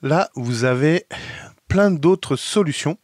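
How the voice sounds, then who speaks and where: A man's voice: a little high, lively intonation, takes it slowly, darkish tone, no room sound, clean studio sound. A man with a France French accent, a video blogger chatting casually and explaining a website step by step as he thinks aloud. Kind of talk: casual screen demo. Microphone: headset.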